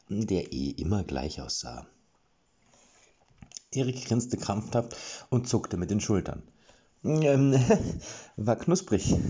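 A deep, husky man reads a fantasy story aloud, his pitch rising and falling with the action. He keeps the telling expressive, with small slips and restarts. The recording is dull and lo-fi.

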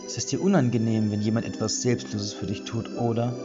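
A man's voice: fairly even intonation, a little fast, dull audio, loud music behind the voice, lightly acted. A man voicing a cruel, gleeful female witch in a fairy-tale audiobook, taunting and theatrical. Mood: whispering menace. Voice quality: high, sing-song and cackling.

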